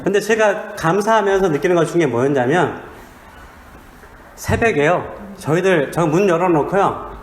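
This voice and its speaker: A man's voice: high-pitched, animated, moderate pace, a little hiss or hum. A man, a pastor, preaching a sermon in a small church, with humor and questions put to the congregation. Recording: echoey church sanctuary.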